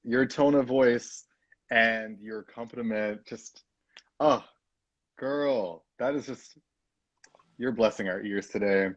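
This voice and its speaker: A man's voice: medium pitch, slow pace, pauses often, no room sound, highs cut off. Effusive young man hosting a live stream. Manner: effusive, rambling, many fillers. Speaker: host of a live-stream showcase. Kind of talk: casual chat, hosting. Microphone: phone or computer mic.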